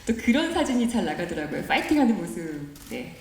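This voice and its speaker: A woman's voice: on the low side, sing-song, brisk, darkish tone. A woman hosting a press event in the polite, cheerful, chatty style of a public radio host, coaxing and courteous. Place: indoor press conference room. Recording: roomy event hall with background noise.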